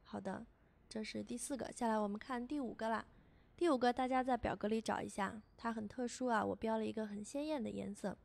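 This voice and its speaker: A woman teaching a beginner language lesson as a voice-over, patiently repeating each sound slowly for learners. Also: on the high side, fairly even intonation, creaky, a little mellow.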